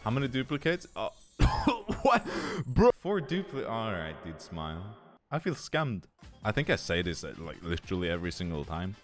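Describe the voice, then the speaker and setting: Running on no sleep, a young gaming YouTuber from Sweden swears his way through loot box openings, his commentary goofy and relaxed. His voice is on the low side with huge pitch swings at a moderate pace, and faint music plays behind him.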